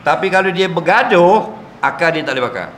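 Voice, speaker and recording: Malaysian ustaz guy joking thru a lecture, crisp bright voice, roomy mosque echo, faint hum. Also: on the high side, animated, brisk. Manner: joking, keeps checking "right?" with the audience. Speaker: religious teacher. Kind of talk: religious lecture with Q&A. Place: mosque hall, evening lecture. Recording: echoey mosque hall. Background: audience laughter.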